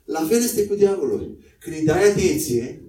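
A man preaching a sermon in a conversational way, acting out quotes in a higher voice. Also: animated, warm tone. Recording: echoey room, voice from a distance.

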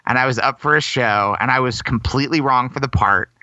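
A man's voice: mid-range voice, brisk, sharp tone, dry recording, muffled recording. An American man telling self-deprecating stories in a casual interview, laughing often. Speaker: guest performer.

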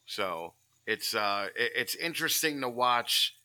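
Bright-toned man ranting bluntly. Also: mid-range voice, lively intonation, measured pace, poor audio. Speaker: podcast guest. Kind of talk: casual podcast chat.

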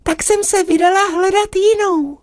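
A man voicing a melancholy female prehistoric whale who speaks in a tiny, high, helium-squeaky voice, politely and softly. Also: steady tone, dry recording, clean studio sound. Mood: gentle.

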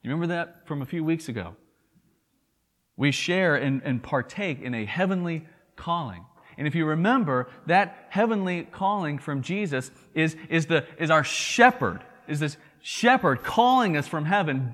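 A pastor from Tennessee with a Southern accent preaches an earnest sermon, often repeating words and asking "right?". His voice is fairly high and a bit bright, with a big-room sound.

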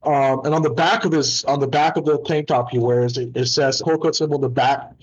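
A man's voice: mid-range voice, steady tone, brisk, husky, highs cut off. A man playing a tabletop role-playing game, describing his character in a loose, rambling way. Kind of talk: casual chat.

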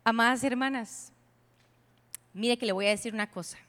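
A woman pastor delivers a sermon to a women's retreat at a moderate pace, her bright, high voice ringing through a large, echoing church hall with long reverb. She's emphatic and playful, full of teasing asides, swinging from loud declarations to hushed near-whispers.

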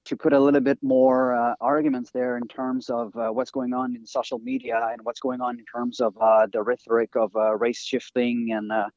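French-accented man, native French, interview guest, halting delivery full of "uh"s, dry dull lo-fi recording. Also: mid-range voice, flat delivery, darkish tone, dry recording. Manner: halting, many fillers and restarts. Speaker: guest researcher and author. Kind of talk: interview talk over a call.

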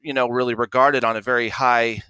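Speaking a little fast, a guest audio drama producer in his forties explains his creative work with enthusiasm in a conversational interview. His mid-range voice is bright and forceful with little pitch movement, captured in a clean, dry recording.

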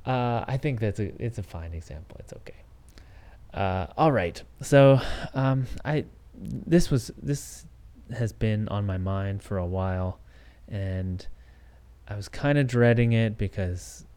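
His voice is lowish and mellow as he hosts a podcast by himself, a native English speaker thinking aloud in a tentative, considered manner full of restarts and fillers.

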